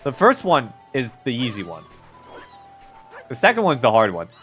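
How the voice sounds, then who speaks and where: A man's voice: mid-range voice, huge pitch swings, moderate pace, fairly bright tone, faint music behind. A man doing casual live game commentary as a hyped gamer bro. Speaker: race commentator.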